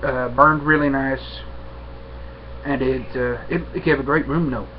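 A young man chatting casually to camera at home in an unhurried, halting, rambling way. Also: medium pitch, steady tone. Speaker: vlogger, pipe smoker. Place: small room at home, indoors. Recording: dull webcam audio with faint noise.

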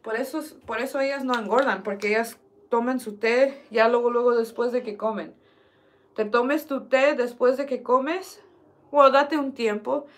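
Young woman vlogger, somewhat high voice, jokey and bilingual. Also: steady tone, a little slow. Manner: joking, switches between Spanish and English. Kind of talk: casual chat.

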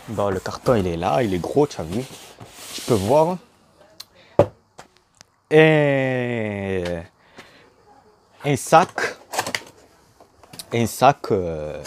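A man's voice: fairly low pitch, noisy background. A young man casually unboxing a laptop in a vlog, joking and slangy. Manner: joking, slangy, slow and chatty. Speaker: YouTuber.

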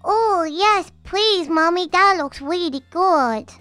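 A woman's voice: very high-pitched, slow, a bit bright, dry recording, soft background music, exaggerated voice. A woman voicing a whiny, sweet toddler girl in a Minecraft role-play. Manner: whiny, pleading childlike voice.

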